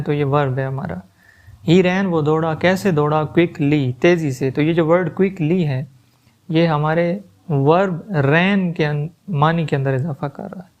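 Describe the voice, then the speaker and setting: A man with an Urdu-influenced accent teaching a grammar lesson, reading English example sentences very slowly and then explaining them. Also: on the high side. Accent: Urdu-influenced Hindustani.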